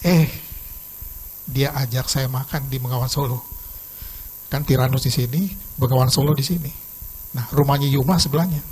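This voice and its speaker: A pastor preaching a sermon and telling a personal testimony in a lively storytelling manner, swinging suddenly between soft and loud. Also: male voice, medium pitch, normal speed, pauses often, slightly rough, low-quality recording. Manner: lively storytelling, acts out quoted dialogue.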